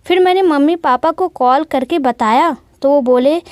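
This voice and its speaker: A woman's voice: high voice, moderate pace, dry recording, clean studio sound, lightly acted. A woman voicing a young wife who tells of an abusive marriage in a sorrowful first-person account.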